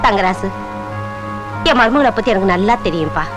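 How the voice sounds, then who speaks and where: A woman's voice: mid-range voice, animated, moderate pace, natural voice, poor audio. An actress playing a middle-aged mother who worries over her son and coaxes him, in a film soundtrack with music behind. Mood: pleading. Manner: coaxing, scolding tenderly. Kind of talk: film drama dialogue.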